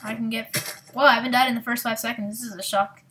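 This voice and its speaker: Excitable high-voiced woman gamer. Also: fast talker, a little hiss or hum. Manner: excitable, rambling, self-mocking. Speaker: gaming channel host. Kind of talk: let's play commentary.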